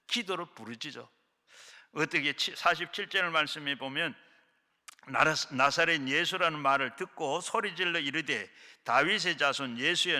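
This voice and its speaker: Fervent pastor man, bright ringing voice. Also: in a large hall. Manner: fervent, swings from loud shouts to hushed low lines. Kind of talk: sermon. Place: prayer retreat hall.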